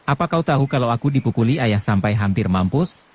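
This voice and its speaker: A man's voice: mid-range voice, expressive, a little fast, a little mellow, husky. A man voicing an old woman farmer who nags and scolds her husband in an audiobook. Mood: grumbling. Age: older. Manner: nagging, flares into angry cursing. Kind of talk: audiobook narration.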